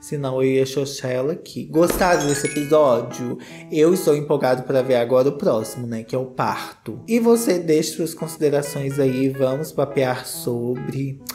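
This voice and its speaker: A man's voice: medium pitch, moderate pace, darkish tone. A Brazilian man hosting a casual, gossipy reaction commentary with campy, sassy asides. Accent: Brazilian Portuguese. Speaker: host. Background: faint guitar music.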